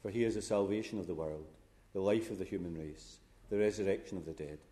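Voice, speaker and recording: A man's voice: sits low, fast talker, mellow. A man speaking as a priest, reciting the prayers of a funeral Mass in a solemn, formal manner in a church.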